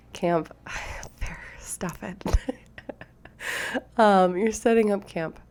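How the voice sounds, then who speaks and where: A woman's voice: on the low side, creaky, a little mellow. A woman narrating a tabletop role-playing game as the game master.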